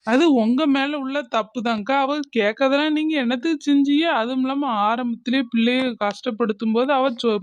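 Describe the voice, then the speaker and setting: A man's voice: very high voice, clean tone, no echo, highs cut off. A man voicing a firm, consoling middle-aged village woman in a cartoon, with a soothing but blunt manner. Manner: soothing then bluntly reproachful.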